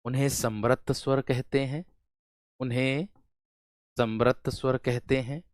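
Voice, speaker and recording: A man teaching an exam-prep lesson, feeling unwell, repeating questions and answering them himself as he explains slowly to his students. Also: medium pitch, steady tone, no room sound, studio quality. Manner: repetitive call-and-response, addresses students as friends.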